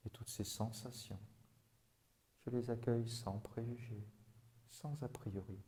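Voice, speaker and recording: A man leading a guided body-awareness and breathing exercise, giving slow, calm instructions in the first person. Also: medium pitch. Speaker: relaxation guide.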